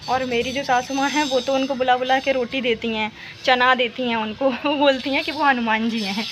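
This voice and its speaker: A young woman vlogging casually about her home from the rooftop on a handheld phone, rambling and chatty with many fillers. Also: sits high. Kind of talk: casual home vlog chat. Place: rooftop of a house, outdoors. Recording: noisy outdoor recording.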